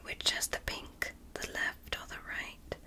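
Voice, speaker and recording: The speaker is a woman whispering through an ASMR roleplay as a female alien doctor, clinical yet calm. She offers precise instructions at a measured pace, speaking softly and reassuringly to create a soothing feel.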